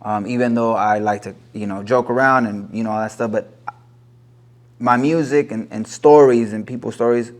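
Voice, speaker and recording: Guest: thirties man from LA, mid-pitched, earnest, reflective storyteller, drops Spanish phrases. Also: fairly even intonation, normal speed. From Los Angeles. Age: 30s. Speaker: guest, corrido singer. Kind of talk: casual interview chat.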